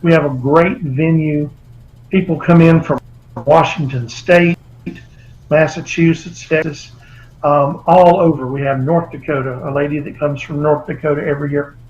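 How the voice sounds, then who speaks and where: Brief: male author guest, rambling storyteller, slightly high voice, dull lo-fi video-call sound. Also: steady tone, normal speed, a little mellow. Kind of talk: remote interview.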